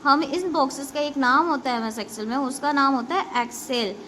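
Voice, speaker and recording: Brief: female schoolteacher, high voice, patient and repetitive, explains basics to kids and keeps checking they follow. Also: normal speed, pushed and bright, slight background noise. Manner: addresses pupils directly with instructions. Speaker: school computer teacher. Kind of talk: classroom lesson explaining basics to children.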